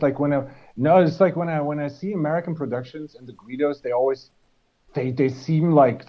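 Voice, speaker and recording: Rambling man, lo-fi sound. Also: mid-range voice. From Germany. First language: German. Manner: rambling, many restarts and fillers. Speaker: podcast co-host. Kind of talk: casual chat. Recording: dull lo-fi recording.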